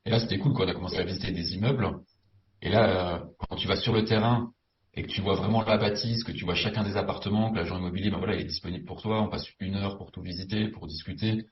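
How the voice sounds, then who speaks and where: A man interviewed as a property investor, explaining his choices in a measured, reflective way. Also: low-pitched, fairly even intonation. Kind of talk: interview conversation. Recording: distant, dull, faint hiss.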